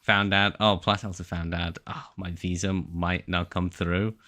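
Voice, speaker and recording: A man's voice: low voice, little pitch movement, moderate pace, pushed and bright. A man in his early twenties chatting casually to his live-stream viewers while playing, rambling and poking fun at himself. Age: about 21. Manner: rambling, self-mocking, joking chatter.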